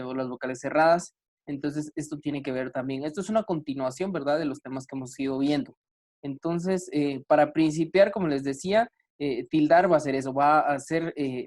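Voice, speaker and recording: A man teaching an online grammar class, talking slowly with many fillers and restarts. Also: fairly high pitch, a little mellow.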